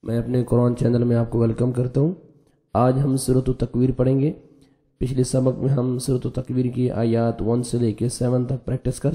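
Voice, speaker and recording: A man teaching a tajweed lesson online. He chants the verses slowly and melodically, then explains the pronunciation rules quickly. He has a slightly sore throat. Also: medium pitch, warm tone. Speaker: Quran recitation teacher.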